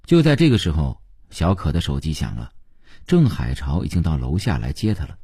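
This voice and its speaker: A man narrating a novel as an audiobook, in an expressive storytelling way. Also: extremely low pitch, brisk, husky.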